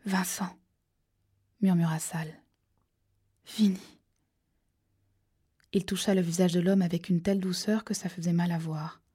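Low husky woman narrating. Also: little pitch movement, fast, few pauses, warm tone. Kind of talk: audiobook reading of a thriller.

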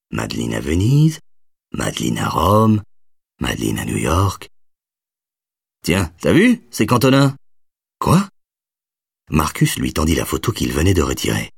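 A man reads a novel aloud with expressive, storytelling delivery, his deep voice rising and falling widely. The sound is dry and close, with a husky grain. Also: no room sound. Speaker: narrator. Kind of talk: audiobook narration.

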